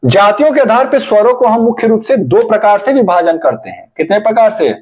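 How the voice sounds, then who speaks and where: A man's voice: high voice, expressive, brisk, a little mellow. A man teaching an exam-prep grammar lesson, asking questions and answering them himself while repeating each key term. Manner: addresses viewers as friends.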